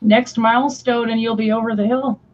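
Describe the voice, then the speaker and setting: Woman, late twenties, casual group chat, giggly, rambling, slightly high voice, dull lo-fi recording. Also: fairly even intonation, normal speed. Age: late 20s. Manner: rambling, giggly, self-interrupting. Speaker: co-host. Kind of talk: casual chat among friends. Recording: dull lo-fi sound with faint noise.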